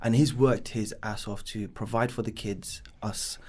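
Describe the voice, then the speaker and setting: Speaking unhurriedly in a low, darkish, steady voice, a business founder appears as a podcast guest. He's a man in his thirties with a London accent, born in Bangladesh and brought up in East London. He recounts his life in a rambling, relaxed way, with plenty of ums and "should I say".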